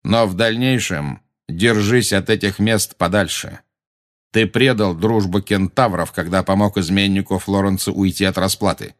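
A man voicing a stern centaur leader in an audiobook, speaking coldly, slowly and menacingly. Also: low voice, fairly even intonation, close to an everyday voice. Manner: cold, slow, menacing.

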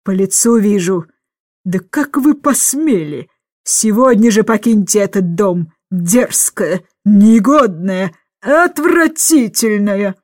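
Woman narrator voicing a stern old governess, loud and bossy, low for her. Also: no room sound, clean studio sound, close to an everyday voice. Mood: furious. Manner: booming, indignant, slow emphatic shouting.

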